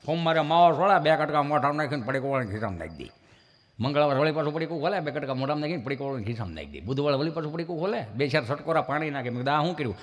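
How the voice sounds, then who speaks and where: On stage at a microphone in a large hall with long reverb, a stand-up folk comedian with a Saurashtra Gujarati accent tells folk jokes live. He's chatty and slips into quoted dialogue, his voice a little high, expressive and very fast.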